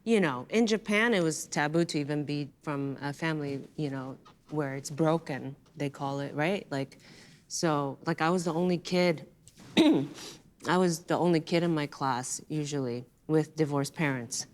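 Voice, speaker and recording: A woman's voice: deep voice, a little slow. A woman comedian talking candidly about her upbringing in a wry, reflective way. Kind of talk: candid conversation.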